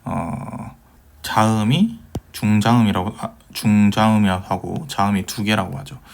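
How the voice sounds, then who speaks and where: A man's voice: fairly low pitch, unhurried, gravelly, a little mellow. A man giving a recorded Hebrew grammar lecture, patiently asking questions and answering them himself, with many fillers.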